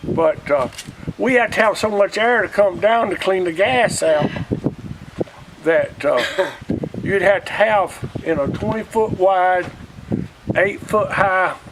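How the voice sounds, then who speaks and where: A retired coal miner, an older man with a Southern US accent, reminisces casually in an interview, folksy and plainspoken. His voice sits high and he speaks slowly with long pauses. The outdoor recording is noisy, with wind.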